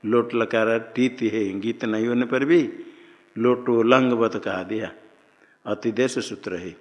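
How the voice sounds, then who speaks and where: Slow-speaking grammar teacher in a reverberant hall. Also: male voice, mid-range voice, steady tone. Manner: quizzing students, slow and deliberate. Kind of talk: classroom grammar lesson with questions.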